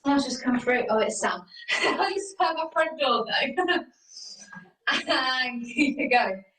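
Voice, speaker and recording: A young woman with a high, bright voice leads a workout from home over a video call, taking her time as she calls out each move and encourages her class. Her laptop mic sits some way off, so her voice comes through roomy and distant. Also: animated, takes it slowly. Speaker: fitness instructor. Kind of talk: leading a live exercise class. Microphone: video call from a laptop or phone camera.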